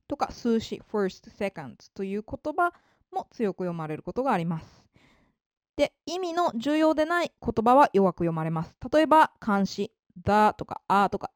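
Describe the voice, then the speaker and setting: A woman giving a polite, explanatory spoken lesson on English, slowing down to read out example sentences. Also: mid-range voice, no room sound, clean studio sound. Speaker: English teacher.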